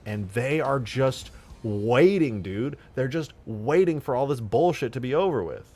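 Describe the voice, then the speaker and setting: A young man streaming from home, ranting in casual chat, swinging from mutters to loud outbursts and cursing a lot. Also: medium pitch, expressive, measured pace, faint music behind.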